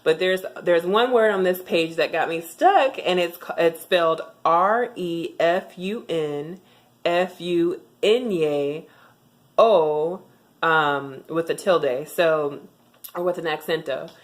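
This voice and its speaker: Speaking to camera in a low voice, a young woman vlogger gives language tips in a laid-back tutorial. Her talk is chatty and broken up by plenty of ums and restarts.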